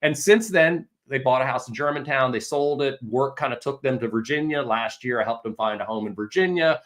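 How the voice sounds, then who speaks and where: A man hosting a casual livestream Q&A as a real estate agent, telling animated stories and swearing mildly. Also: mid-range voice, brisk. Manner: chatty, animated storytelling with mild swearing.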